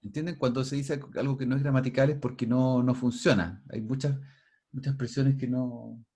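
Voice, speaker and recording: A husky-voiced man leads a linguistics class over a video call. He explains step by step, often repeating and restarting words as he thinks aloud, at a middling pitch. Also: steady tone, moderate pace, warm tone. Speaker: linguistics teacher. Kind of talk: online class teaching.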